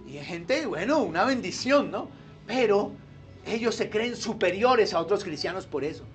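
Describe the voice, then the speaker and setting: A man preaching a sermon as pastor, emphatic, swinging from loud stress to quiet asides, in a church. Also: high-pitched, lively intonation, moderate pace, faint music behind.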